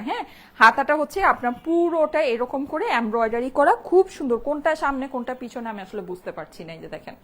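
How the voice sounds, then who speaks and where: Fast-talking woman selling on a live stream. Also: high-pitched, a bit bright. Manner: chatty, repeats ordering instructions. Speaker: online shop seller.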